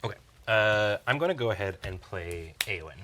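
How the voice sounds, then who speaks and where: Low-voiced man narrating his card plays. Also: expressive, a bit bright, slight background noise. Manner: halting, many fillers and restarts. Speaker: card game player. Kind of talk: casual play-by-play of his own turns.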